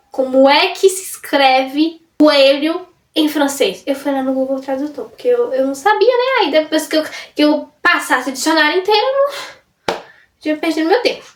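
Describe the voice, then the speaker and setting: A young woman vlogging in a casual, rambling way, often breaking off and restarting her sentences. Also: high voice. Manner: rambling, self-interrupting, chatty. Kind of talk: casual chat to camera. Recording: roomy sound from a distance off the mic.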